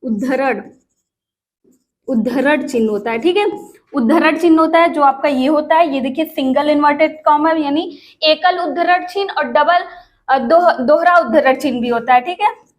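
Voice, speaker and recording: A woman's voice: sits high, normal speed. A woman teaching an exam-prep grammar lesson, asking questions and answering them herself and calling her viewers friends.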